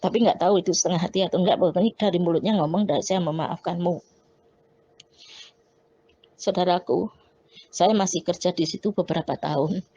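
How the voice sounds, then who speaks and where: Low-voiced woman giving a personal testimony. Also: quick pace, dark tone, slightly rough. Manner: storytelling with quoted dialogue, frequent restarts. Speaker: testimony speaker. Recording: dull lo-fi recording.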